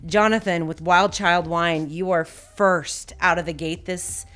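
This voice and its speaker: A woman's voice: on the low side, steady tone, unhurried, fairly bright tone. A woman hosting a podcast, chatting casually in a bubbly, joking, self-deprecating way. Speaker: podcast host. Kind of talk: casual interview chat.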